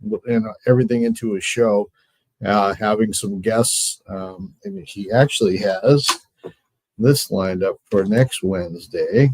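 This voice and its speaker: A man's voice: on the low side, measured pace, darkish tone, husky, rough recording. A man co-hosting a show in a casual, conversational way. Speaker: show co-host. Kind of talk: casual chat.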